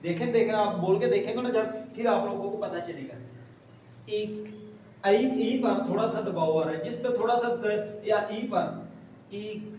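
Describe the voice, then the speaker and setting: High-voiced man teaching, echoey room. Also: a little mellow. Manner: patient, repeats words slowly while writing. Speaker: shorthand teacher. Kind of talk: step-by-step tutorial explanation. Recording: roomy echo, distant mic, faint hiss.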